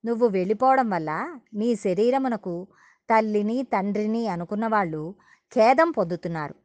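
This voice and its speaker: A woman's voice: medium pitch, expressive, normal speed, darkish tone, no room sound, close to an everyday voice. Woman voicing solemn divine sage. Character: old male divine sage, commanding and kind.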